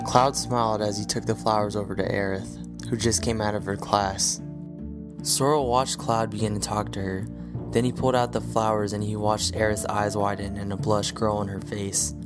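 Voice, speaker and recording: A man narrating a fan audio drama as a storybook reading in a steady, even manner. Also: on the low side, normal speed. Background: faint music.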